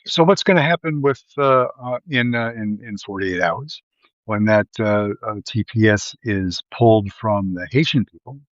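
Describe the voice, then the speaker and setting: A man with a lowish, expressive voice and normal pacing hosts a live video, rambling with many fillers and restarts. He's from Ohio and has a Midwestern accent, heard through a live stream mic. The lo-fi recording has no room sound.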